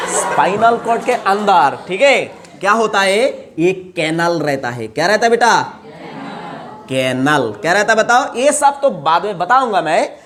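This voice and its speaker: A male teacher, his voice pitched well above most men's, running a lecture. He keeps asking his students what each term is, then says the answer back himself. His Hindi is dotted with English technical words. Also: a bit bright. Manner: repeats questions and asks students to answer back; mixes English terms into Hindi speech. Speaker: biology teacher. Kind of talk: classroom lecture.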